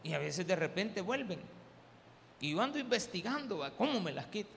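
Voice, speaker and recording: This Salvadoran-accented pastor's high voice has a sing-song lilt, vocal fry and a fairly bright tone, moving at a moderate pace. He preaches at a church service, weaving humorous personal stories and addressing everyone as "hermano," with long hall reverb and faint noise behind him.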